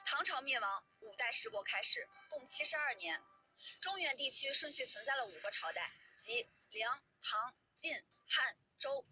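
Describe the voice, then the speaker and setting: Female narrator, scripted history storytelling, piercingly bright and husky, colloquial delivery, light music behind. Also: high-pitched, lively intonation, moderate pace, poor audio.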